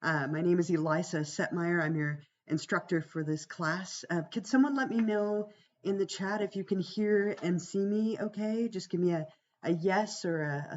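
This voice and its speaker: A woman instructor with a gravelly voice, worn by a cold and a week of talking, giving an informal, reassuring class orientation on a livestream. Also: on the low side, darkish tone, highs cut off. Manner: reassuring, conversational. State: fighting a cold, voice strained from much talking. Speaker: college psychology instructor.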